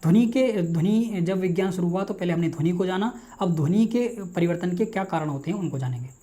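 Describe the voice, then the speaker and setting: Male teacher with a Hindi accent, mellow, rapid delivery that keeps quizzing the class. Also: high voice. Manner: rapid, repetitive, quizzes himself aloud. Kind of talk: online exam-prep lecture.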